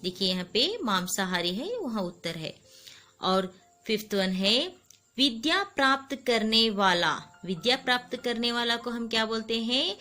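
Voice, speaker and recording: A woman's voice: on the high side, animated, moderate pace, pushed and bright, soft background music. A woman teacher talking kids through a worksheet, patiently repeating and sounding out each word, now and then adding a short English gloss. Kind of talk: slow classroom lesson for children.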